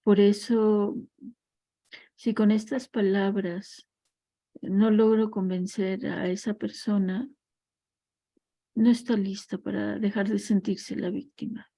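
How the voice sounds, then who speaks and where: A woman's voice: mid-range voice, little pitch movement, slow pace, gravelly, long pauses, dark tone, dry recording. A woman teaching a class on family constellations, speaking reflectively and weaving in parables and personal stories. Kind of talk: recorded class lecture.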